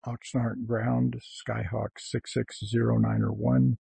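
A male pilot makes hesitant aviation radio calls in a heavily creaky, husky voice. It is lowish and flat in melody, with a muted, dark tone. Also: slow pace, no echo.

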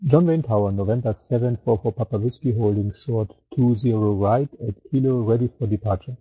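A man's voice: medium pitch, brisk, husky. A man flying a plane, giving clipped, businesslike radio calls and readbacks to air traffic control. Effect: pilot talking over an aircraft radio. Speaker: pilot. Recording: muffled radio sound.

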